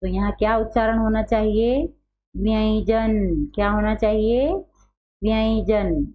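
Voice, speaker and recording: A woman's voice: fairly high pitch, little pitch movement, a little fast. A woman teaching a grammar lesson, who poses questions to the class and answers them herself, repeating key terms. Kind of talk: Hindi grammar lesson, explaining at a board. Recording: dull lo-fi recording with faint hum.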